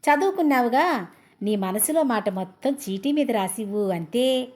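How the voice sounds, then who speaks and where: A woman's voice: fairly high pitch, animated, normal speed, darkish tone, close to an everyday voice. A woman voicing a cheerful young friend who teases and gives advice. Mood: teasing. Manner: teasing, laughing.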